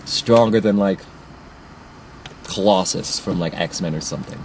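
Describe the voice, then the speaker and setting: An opinionated man chats casually about a film. His voice sits on the low side, and he stops and restarts often, stuffing his sentences with fillers. There is a faint hum of noise behind him. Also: rough recording. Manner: opinionated, halting with many "like" fillers. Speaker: movie reviewer. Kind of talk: casual chat.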